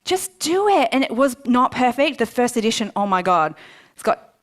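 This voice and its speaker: A woman's voice: on the high side, normal speed. A woman speaking live to an audience at a book launch, chatty and self-mocking, acting out her own past thoughts. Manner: lively, chatty, self-mocking, quotes herself in asides. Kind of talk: live motivational talk to an audience. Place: event room before a live audience.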